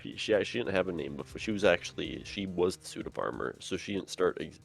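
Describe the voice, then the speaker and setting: A man's voice: low-pitched, lively intonation, brisk, gravelly, soft background music. A man streaming a game, chatting casually and rambling with lots of "like". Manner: rambling, full of "like". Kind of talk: casual let's-play chat.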